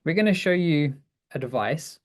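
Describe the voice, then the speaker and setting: A man's voice: a little high, animated, normal speed. A man co-presenting a webinar, chatting casually through a technical demo with frequent restarts and easy laughs. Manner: chatty, self-correcting, laughs easily.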